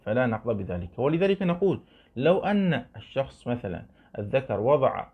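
A man's voice: mid-range voice, very animated, fairly quick, husky. A man teaching Islamic law, explaining a classical text line by line, often repeating his points, asking his students questions and showing things with his hands. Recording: narrow phone-like band.

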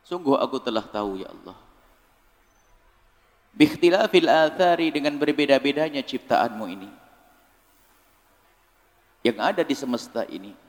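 A man preaching a sermon, lively, acting out people's prayers in a raised voice. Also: mid-range voice, moderate pace, pauses often. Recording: reverberant hall.

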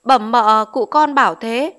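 A woman's voice: a little high, a little slow, a bit bright. A woman reading aloud voices a humble young male servant who speaks deferentially and politely.

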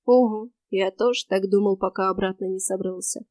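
A woman voicing a weary male stranger spirit in the afterworld, with a quiet, cracked voice and a flat, indifferent manner. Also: mid-range voice, normal speed, no echo, natural voice.

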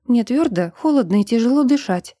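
A woman's voice: fairly high pitch, expressive, fairly quick, dark tone, no echo, studio quality, pitched above the performer's own voice. A woman voicing a tense young vampire woman. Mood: hushed. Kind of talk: audiobook character voice.

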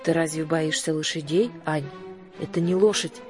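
A bold, cheeky young girl, voiced by a woman narrator, shouting taunts in a loud, high voice. She sounds defiant and brash, with quiet music behind her. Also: fairly even intonation, normal speed, natural voice. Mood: taunting.

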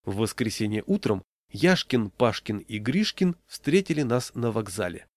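A man narrating a humorous story aloud, with dry, even storytelling. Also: fairly low pitch, moderate pace, no room sound.

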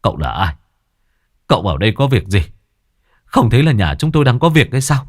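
A man voicing a stern, suspicious grieving father in a ghost story, speaking curtly in a low voice. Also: sing-song, brisk, no room sound, studio quality.

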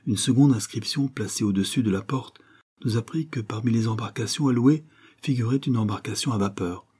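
A man reading a novel aloud as narrator in a steady, measured way. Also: medium pitch, breathy edge. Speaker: audiobook narrator. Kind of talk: scripted narration.

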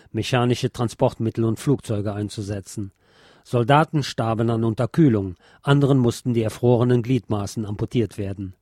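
In this scripted narration, a man hosting a podcast reads aloud from a written history book. He speaks at a typical male pitch with a slightly mellow tone, and the dry recording has no echo and barely any room sound.

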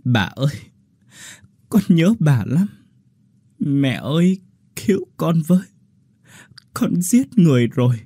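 A man's voice: on the low side, moderate pace, hardly any pauses, a little mellow, no echo, lightly acted. A man voicing a terrified young woman prisoner, pleading in a raised, tearful voice.

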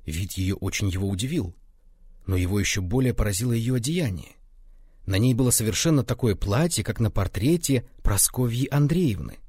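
A man narrating a classic story in a measured, expressive audiobook reading. His voice is husky and lively in pitch, recorded close and dry with no room sound. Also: no echo.

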